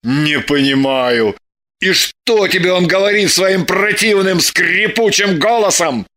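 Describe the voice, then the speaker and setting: A high, bright male voice for an exasperated, jealous young man, played by a male actor. He scolds and mocks with theatrical sarcasm. It is a storybook reading. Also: expressive, slow, heavily acted. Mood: sardonic. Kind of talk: audiobook dialogue.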